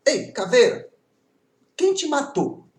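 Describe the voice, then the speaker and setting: A man with a Brazilian Portuguese accent voicing an excitable young fellow who talks urgently, in an echoey room away from the mic. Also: slow pace, recorded from a distance, exaggerated voice. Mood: excited pleading. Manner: high-pitched, breathless, urgent.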